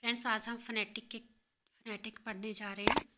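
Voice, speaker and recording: A woman's voice: fairly high pitch, level tone, fairly quick, heavy background noise. A woman teaching an exam-prep phonetics lesson, repeating and rephrasing each point and switching between English and Hindi.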